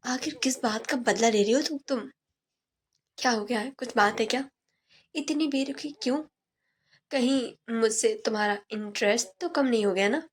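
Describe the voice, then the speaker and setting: A woman's voice: fairly high pitch, normal speed, natural voice. A woman voicing a young man who pleads and coaxes his fiancée apologetically. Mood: pleading. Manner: coaxing, apologetic.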